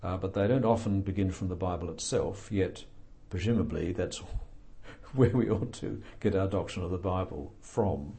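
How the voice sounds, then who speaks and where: A man's voice: deep voice, moderate pace, vocal fry, few pauses, mellow. An older man and author being interviewed, talking thoughtfully with dry humor and plenty of hesitations. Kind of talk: reflective interview talk.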